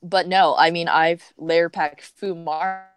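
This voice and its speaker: A woman's voice: lowish voice, steady tone, a little slow. A woman joining a livestream over a remote call as a guest, giving frank opinions and thinking aloud with many fillers. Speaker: guest co-host. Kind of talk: casual livestream chat.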